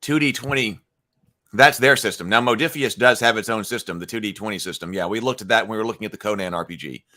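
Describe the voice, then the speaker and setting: On a casual live stream, a man reads out viewer chat messages and replies, thinking aloud with plenty of fillers and false starts. His voice is fairly low, quick, and pushed and bright in tone.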